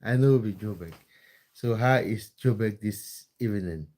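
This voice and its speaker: A man's voice: on the low side, unhurried, a little mellow. A man from Cameroon, hosting a casual live stream, reading viewer comments in a friendly, chatty way with lots of fillers and restarts. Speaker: live-stream host and football content creator.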